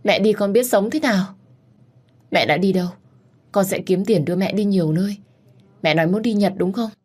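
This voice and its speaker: A woman's voice: lowish voice, brisk, darkish tone, breathy edge. A woman voicing a grief-stricken young pregnant woman who pleads through tears, in a storybook reading. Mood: pleading, sobbing. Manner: sobbing, pleading.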